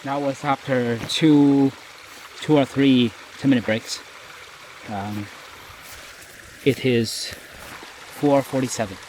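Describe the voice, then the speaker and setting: In a low-quality recording with a little hiss or hum, a man with a mid-range, darkish voice speaks slowly and fairly evenly, pausing often. Hiking alone on a rainy forest trail beside a stream, he rambles nasally and tiredly in a self-mocking video diary.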